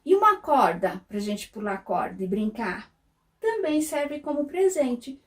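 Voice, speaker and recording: A kindergarten teacher from Brazil, recorded at a distance, addresses young children in a high-pitched, unhurried voice with big pitch swings and a Brazilian Portuguese accent. In a sing-song manner she stretches words out and poses questions only to answer them herself.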